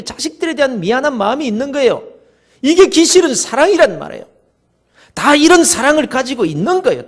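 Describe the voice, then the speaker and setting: A male pastor, telling stories in a sermon and swinging from loud to soft. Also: very high voice. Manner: storytelling, dramatic shifts between loud and soft.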